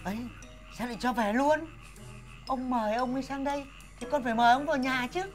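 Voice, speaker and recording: An actor in his forties playing a proud, hot-tempered village husband and new father in a folk comedy film, blustering and shouting when jealous. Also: very high voice, fairly even intonation, quick pace, soft background music. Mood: scolding. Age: 40s. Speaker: father of a newborn son.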